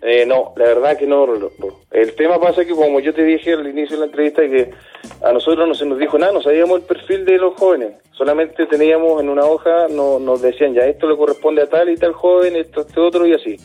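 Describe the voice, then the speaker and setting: A man, a dismissed youth care worker, answering in a radio interview in an earnest, halting way, often repeating words. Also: fairly high pitch, muffled recording, soft background music.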